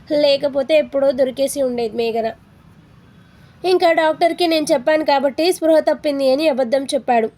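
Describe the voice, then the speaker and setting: A bossy young man with a quick temper, voiced by a woman storyteller. He scolds in a stern, firm way. The voice sits high yet sounds soft and mellow. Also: close to an everyday voice.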